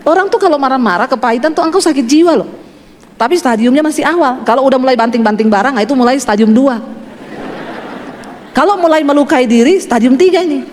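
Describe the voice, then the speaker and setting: High-voiced woman preaching in a hall. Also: expressive, fast, a little mellow, a little hiss or hum. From Sulawesi, Indonesia. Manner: chatty storytelling, asks the congregation questions. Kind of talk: sermon. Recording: reverberant hall.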